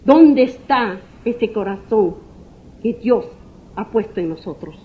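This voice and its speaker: A woman's voice: medium pitch, lively intonation, takes it slowly, muffled recording, a little hiss or hum. A woman pastor preaching a sermon. She asks rhetorical questions, repeats her phrases and sometimes stumbles over names and restarts.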